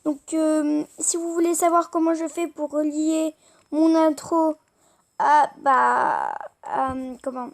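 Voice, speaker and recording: High-voiced young woman, rambling casually. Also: sing-song, takes it slowly, vocal fry. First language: French. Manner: rambling, hesitant, many fillers. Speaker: YouTuber showing her tablet apps. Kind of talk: casual screen-recorded chat.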